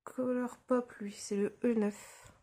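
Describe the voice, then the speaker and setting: A young woman casually talking through a makeup tutorial, relaxed and hesitant with lots of fillers, recorded on a phone at home. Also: a little high, slow pace. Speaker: beauty vlogger. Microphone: phone camera.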